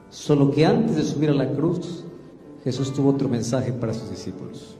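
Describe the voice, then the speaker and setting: A man's voice: mid-range voice, warm tone. Man preaching in an echoey hall. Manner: slow emphatic preaching, leans on key phrases. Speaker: pastor. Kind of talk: sermon.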